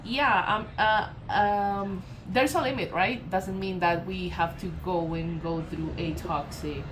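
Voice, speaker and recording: A Colombian woman with a Colombian Spanish accent gives a casual channeled tarot reading, wandering through it with fillers, self-corrections, and soft laughs. Her voice is fairly low, and there's a noisy background.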